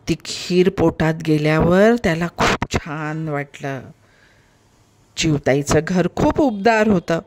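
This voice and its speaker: Slow-telling woman storyteller. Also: lowish voice. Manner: slow, gentle storytelling addressing children. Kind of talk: children's story narration.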